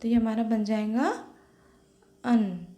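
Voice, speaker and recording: A woman's voice: fairly high pitch, steady tone, takes it slowly, mellow. A young adult woman, teaching young children step by step and checking in with "okay" after each point, often slipping English words into her talk. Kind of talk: online class lesson for young children. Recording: echoey room.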